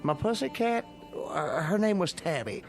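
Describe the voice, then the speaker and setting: Folksy, higher-voiced radio-drama Western townsman. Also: very animated, a little slow, exaggerated voice. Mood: rambling, earnest. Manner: rustic, rambling storytelling. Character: folksy, gullible, long-winded Old West townsman. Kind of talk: old-time radio drama acting. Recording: loud music under the voice.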